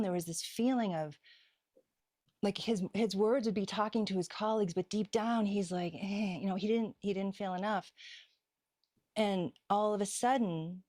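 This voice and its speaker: A woman's voice: medium pitch, no echo, studio quality. A middle-aged woman, a healer and psychic medium, telling a story in a casual interview, laughing often and acting out the dialogue. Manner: animated, laughs often, acts out quoted dialogue.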